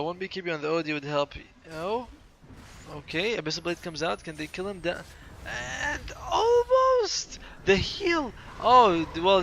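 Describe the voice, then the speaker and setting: Male caster, slightly high voice with gravelly fry; sleepy, casual solo play-by-play, self-correcting. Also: a bit bright, slight background noise. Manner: casual, chatty, often corrects himself mid-sentence. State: tired, yawning. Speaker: game commentator. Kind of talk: solo play-by-play commentary of a game replay.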